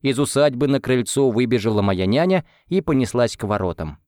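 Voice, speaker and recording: A man reading a first-person novel aloud in a calm, even storytelling manner. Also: mid-range voice, a little fast, no room sound, studio quality. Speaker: audiobook narrator. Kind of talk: scripted first-person narration.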